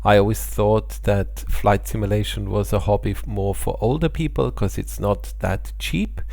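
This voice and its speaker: A middle-aged Austrian man, an airline pilot and channel host, speaks native German with an Austrian German accent in a lowish, creaky, slightly mellow voice at normal speed, with no room sound. Talking casually to camera, he explains his channel statistics in a friendly way, with occasional small laughs.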